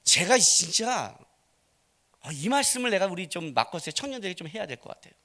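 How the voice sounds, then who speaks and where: A male pastor delivers a blunt sermon in a lively, conversational way, peppered with rhetorical questions. His voice sits high and bright, and his pitch swings widely as he presses each point. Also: brisk.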